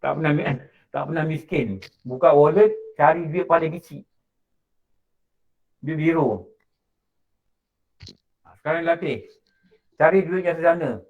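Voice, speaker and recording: A man's voice: a little high, measured pace, long pauses, phone-quality sound. A Malaysian man teaching a morning lecture in a prayer hall, telling stories in casual speech and acting out the dialogue. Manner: colloquial storytelling, acts out dialogue. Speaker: religious teacher. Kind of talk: mosque lecture.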